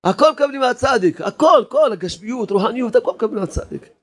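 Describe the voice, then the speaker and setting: A man preaches with rising fervor, repeating his points again and again and urging his listeners on. His voice sits high for a man, and he breaks into shouts at the peaks. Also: animated. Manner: impassioned, repetitive exhortation, sometimes shouting. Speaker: rabbi. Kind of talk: sermon.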